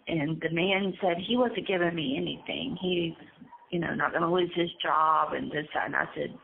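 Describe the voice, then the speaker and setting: Nervous, gravelly woman on a tinny phone line. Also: on the low side. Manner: hesitant, halting, with frequent ums. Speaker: incarcerated interviewee. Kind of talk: casual conversational storytelling.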